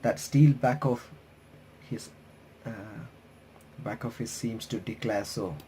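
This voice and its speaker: A man reads visual novel text aloud as a playthrough host, chiming in with casual asides. His mid-range voice has a warm tone, yet he's halting, stumbling and restarting sentences often; there's slight hiss or hum.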